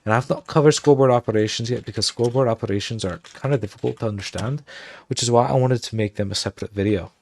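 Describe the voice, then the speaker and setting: In this livestream, a man works on a game build, mumbling commands to himself as he types and chatting in a fake Irish accent. His mid-range voice runs at a quick pace over slight background noise.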